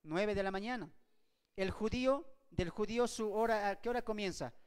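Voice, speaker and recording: A man's voice: high-pitched, normal speed, clean tone. Man, Bible study teacher, rhetorical questions, long hall reverb. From Bolivia. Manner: emphatic, asks rhetorical questions and repeats points.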